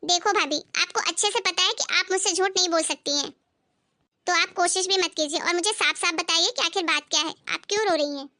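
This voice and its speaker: A woman's voice: very high-pitched, fairly quick, pushed and bright, no room sound, studio quality. A woman voicing a kind young married woman who talks with concerned insistence in a cartoon story. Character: kind caring young married sister-in-law.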